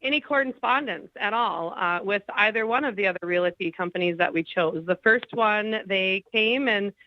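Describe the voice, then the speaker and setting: A woman's voice: mid-range voice, moderate pace, no room sound, lo-fi sound. A woman calling in to a radio show, telling her story plainly and candidly with some hesitations. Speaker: caller, former client. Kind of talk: phone-in interview. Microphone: phone line.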